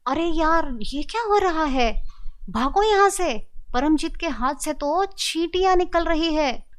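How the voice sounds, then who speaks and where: A woman voicing a young man, a teasing friend who grows fearful, calling out loudly and urgently. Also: extremely high pitch, expressive, a little slow, voice pushed up. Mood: alarmed. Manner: urgent, loud calls.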